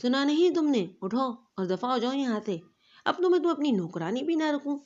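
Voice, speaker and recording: A woman voicing a cruel, scheming young wife who taunts and shouts at her rival, in a storybook reading. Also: mid-range voice, animated, dull audio, lightly acted. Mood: gloating.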